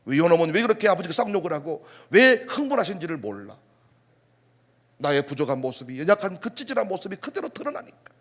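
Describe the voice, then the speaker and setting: A middle-aged man preaching a sermon as pastor, animated, firing off rhetorical questions and sudden outbursts. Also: fairly high pitch, fast.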